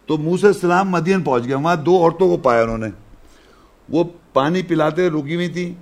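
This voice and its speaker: Guy teaching a scripture lesson, kinda high voice, chatty, keeps asking questions and answering them himself. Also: vocal fry. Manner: conversational explaining, asks rhetorical questions, chants verses. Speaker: religious teacher. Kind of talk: Quran lesson, explaining verses.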